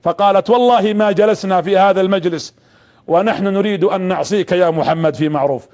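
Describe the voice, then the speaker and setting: A man's voice: high-pitched, fast, darkish tone. A man preaching a sermon, impassioned, telling a story and addressing his listeners directly.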